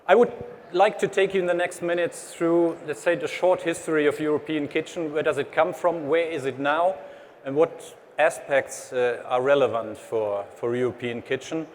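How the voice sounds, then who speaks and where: A man's voice: a little high, moderate pace. German-accented man presenting in a hall. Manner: hesitant, many uh fillers, explanatory. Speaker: trade association head presenting. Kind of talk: conference presentation. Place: large exhibition hall stage. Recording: reverberant hall, faint background noise.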